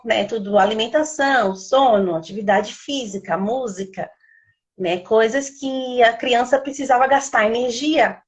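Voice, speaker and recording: Woman, rambling and chatty, slightly high voice, video call. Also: slightly rough. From Salvador, Bahia, Brazil. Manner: chatty, rambling with many fillers. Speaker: missionary and former teacher, live guest. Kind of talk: casual live-stream talk.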